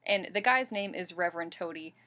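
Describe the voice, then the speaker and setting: Bright and forceful, her voice runs on the low side and moves fairly quickly. The twenty-something book reviewer talks eagerly into her webcam in a bedroom, bookshelf at her back, revising her phrasing as she goes in this laid-back vlog.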